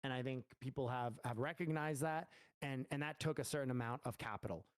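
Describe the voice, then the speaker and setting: A man's voice: medium pitch, fairly quick, dry recording. Man rambling casually in a dry Q&A. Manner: loose and rambling, full of fillers and restarts. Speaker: game studio founder answering community questions. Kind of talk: casual livestream Q&A.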